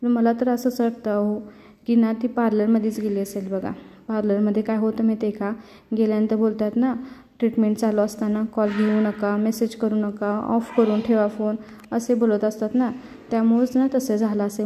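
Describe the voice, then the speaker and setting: A woman's voice: mid-range voice, flat delivery, normal speed, warm tone, slight background noise, natural voice. A woman voicing a gossipy young wife. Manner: gossipy, confiding. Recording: long reverb.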